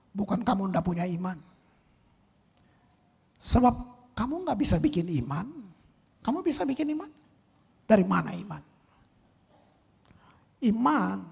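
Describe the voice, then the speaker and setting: A male pastor preaching a sermon, firing rhetorical questions and swinging between loud and soft. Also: high voice, gravelly, slightly rough. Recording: long reverb in a large hall.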